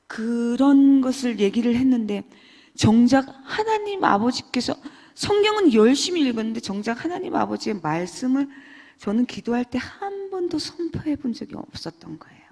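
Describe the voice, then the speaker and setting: A woman giving an emotional church testimony, swinging between loud and hushed. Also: high voice, sing-song, moderate pace, husky. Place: church hall. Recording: long church hall reverb.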